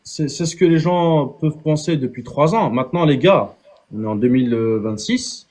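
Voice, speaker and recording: A man's voice: fairly high pitch, moderate pace, a little mellow. A man chatting casually as a guest on a livestream, using French street slang.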